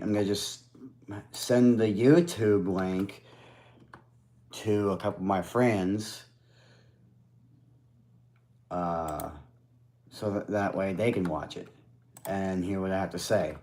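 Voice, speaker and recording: A man with a very deep voice talks slowly to his live stream audience from his home computer. He rambles and hesitates between thoughts, and swears bluntly as he goes. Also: darkish tone. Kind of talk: casual live stream chat.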